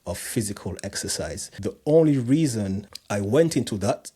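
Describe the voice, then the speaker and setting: A man in his thirties with a French accent talks in a fairly low, dark, husky voice, animated and at normal speed. He is a personal trainer from France and other countries, chatting easily as a guest on a casual podcast interview, with many restarts and fillers.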